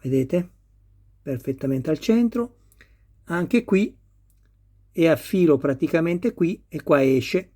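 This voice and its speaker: A man's voice: fairly high pitch, expressive, takes it slowly, pauses often, warm tone. A man talking viewers through assembling a scale model car step by step, patient and careful with each detail. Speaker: model kit builder. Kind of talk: hands-on assembly tutorial.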